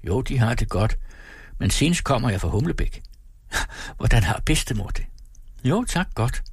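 A man voicing a blunt young older brother who talks in a brusque, matter-of-fact way, with a husky tone. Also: mid-range voice, very animated, no room sound, studio quality.

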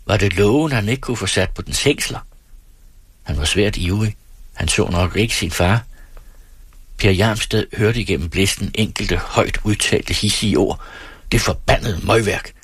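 Brief: male narrator, low, husky, calm audiobook reading, dry close sound. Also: no room sound.

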